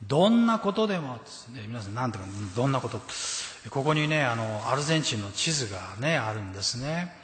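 A man's voice: mid-range voice, fast talker, a bit bright. A man preaching a sermon, telling a story and stressing scripture quotes. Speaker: pastor. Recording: echoey hall with long reverb.

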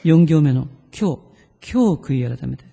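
Husky, earnest male pastor preaching. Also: fairly high pitch, expressive, dark tone, big-room sound. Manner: earnest, pleading, leads congregation in slow read-aloud prayer. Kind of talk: sermon.

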